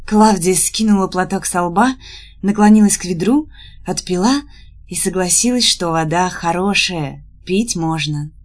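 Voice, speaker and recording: A woman narrating an audiobook with an expressive storytelling delivery. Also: lowish voice, unhurried. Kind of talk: scripted narration.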